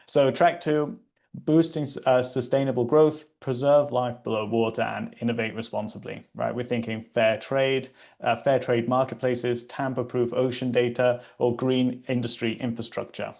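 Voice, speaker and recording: A man's voice: mid-range voice, fairly even intonation, moderate pace, gravelly, darkish tone. A British man hosting a livestream, presenting in a casual, chatty way with many fillers and restarts. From Britain.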